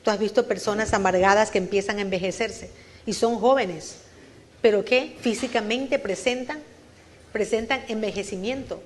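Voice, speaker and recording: A woman preaches a Spanish-language sermon at a church service, speaking at a moderate pace in a medium-pitched voice with slight background noise. She earnestly questions her listeners and repeats phrases for emphasis.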